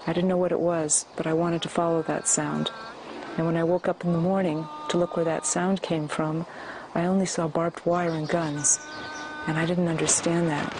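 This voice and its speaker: Woman in her 60s from the us, deep voice, calm storytelling, noisy background with cars. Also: moderate pace. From United States. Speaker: interviewee. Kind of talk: recorded interview.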